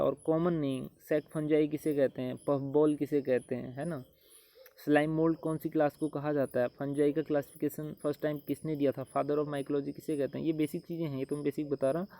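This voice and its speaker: Guy going over a biology syllabus, pretty flat delivery, mellow tone. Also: fairly high pitch. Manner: explains step by step with many examples. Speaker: biology teacher. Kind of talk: exam syllabus lecture.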